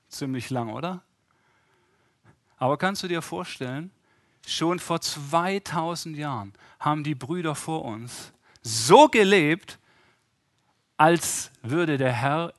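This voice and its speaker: A man's voice: mid-range voice, a bit bright, no room sound, studio quality. A man preaching an interactive sermon, often asking the congregation questions and acting out the voices he quotes.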